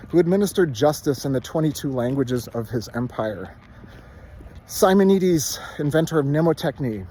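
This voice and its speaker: A man reciting a literary text by rote from memory, in short measured phrases. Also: fairly high pitch, warm tone, husky, low-quality recording.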